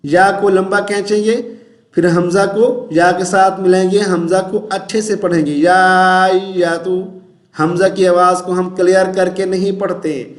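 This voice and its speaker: High-voiced man drilling recitation, echoey room. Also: little pitch movement. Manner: patient, repeats syllables slowly and chants verses in drawn-out tones. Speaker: Quran recitation teacher. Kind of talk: tajweed pronunciation lesson.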